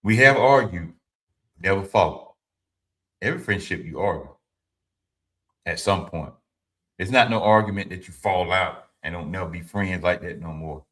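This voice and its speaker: This livestream host, a man in his fifties, gives his live viewers informal, moralizing pep talks, circling back to his points and answering chat messages. He speaks in a low-pitched, somewhat bright voice at a moderate pace, pausing often.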